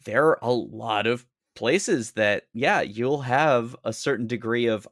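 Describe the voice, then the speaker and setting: A man's voice: medium pitch, slow pace, a bit bright, no echo, clean studio sound. A man co-hosting a casual podcast, blunt and sarcastic, swearing freely. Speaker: podcast co-host.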